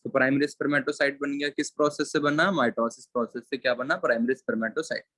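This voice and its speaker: A male biology teacher giving a classroom lecture, dictating slowly and repeating key terms word by word, mixing English terms into his explanation. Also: medium pitch, steady tone, fairly bright tone, no room sound. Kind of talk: classroom lecture with board writing.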